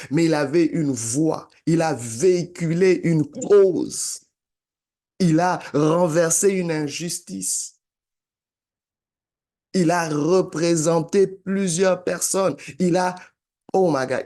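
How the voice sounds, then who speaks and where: A man delivers a motivational talk in an unhurried, emphatic cadence. His voice sits a little high for a man, and he leans on repetition like a preacher building a point. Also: darkish tone. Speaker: motivational speaker. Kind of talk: motivational sermon-style talk.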